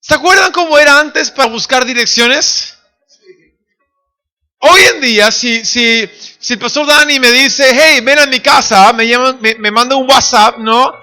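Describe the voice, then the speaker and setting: A man in his thirties preaches in a church with a very high, bright, ringing voice. He tells stories and acts out the people in them, jumping up to shouts at the climaxes, with soft music behind him. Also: a little slow. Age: 30s. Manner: storytelling, acting out family voices, shouting at high points. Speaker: pastor. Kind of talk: sermon. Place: church sanctuary.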